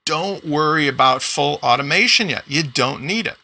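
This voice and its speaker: A man in his forties giving an upbeat, enthusiastic walkthrough of payment software in a screen-recorded tutorial. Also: fairly high pitch, expressive, moderate pace, vocal fry. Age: 40s. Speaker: software demo presenter.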